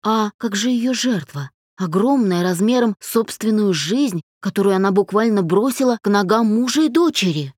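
A woman narrating a novel in a steady, expressive storytelling voice. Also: medium pitch, moderate pace, few pauses, no echo, clean studio sound. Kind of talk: audiobook narration.

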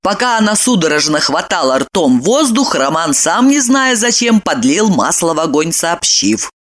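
A woman narrating an audiobook in an expressive storytelling manner. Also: fairly low pitch, moderate pace. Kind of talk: scripted narration.

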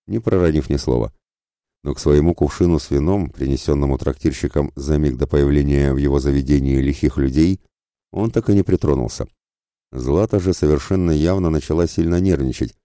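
A man narrating an adventure audiobook in a steady, measured storytelling manner. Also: extremely low pitch, dry recording, studio quality. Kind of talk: scripted narration.

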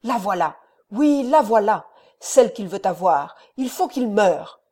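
A woman voicing a furious, rash young man who declaims loudly and heatedly, in a mellow reading voice. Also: a little high, lively intonation, moderate pace, close to an everyday voice.

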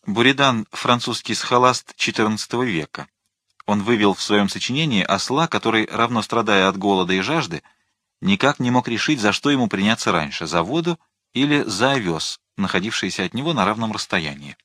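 A man narrating an adventure novel as an audiobook, reading in an expressive, dramatic way. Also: on the low side, a little fast, dry recording. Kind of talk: scripted narration. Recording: dry close studio.

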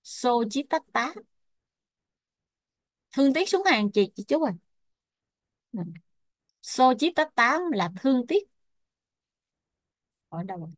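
Một người phụ nữ đang giảng bài, đọc chậm từng thuật ngữ, đánh vần rồi giải nghĩa như cho học viên chép. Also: female voice, high voice, sing-song, no room sound, clean studio sound. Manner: spells out Pali terms and glosses them slowly. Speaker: Buddhist Abhidhamma teacher. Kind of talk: slow dictation-style teaching.

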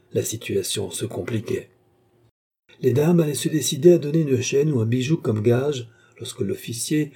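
A man narrates a classic novel in a measured, even manner. His voice is very dark and mellow, with a husky edge. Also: lowish voice. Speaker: audiobook narrator. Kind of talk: scripted narration.

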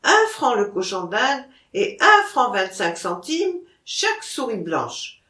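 A woman's voice: on the high side, sing-song, slow, pushed and bright, echoey room, heavily acted. A woman reading the lines of a blunt, bossy male gardener who barks orders, in an audiobook. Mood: brusque.

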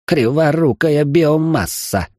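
Cranky four-armed mech robot, pitched way up and griping, a guy doing it, dark tone. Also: moderate pace, dry recording, lightly acted. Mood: irritable. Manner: griping, irritable. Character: grumpy four-armed male mechanic robot.

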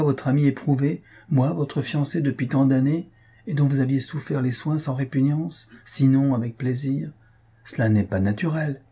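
A man's voice: medium pitch, dark tone, breathy edge, close to an everyday voice. A man voicing an anxious male fiancé who presses with urgent, insistent questions.

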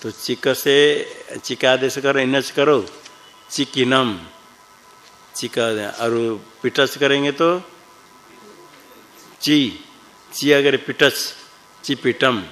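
A man teaching Sanskrit grammar in a class, reciting rules slowly and patiently quizzing his students. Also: medium pitch, a bit bright, faint music behind, rough recording.

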